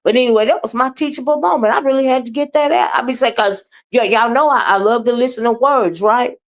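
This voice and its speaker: An American woman talks fast and emphatically on a livestream in a higher-pitched voice. As host, she gives casual commentary in reply to the chat, conversational in manner and frequently ending phrases with a questioning tag.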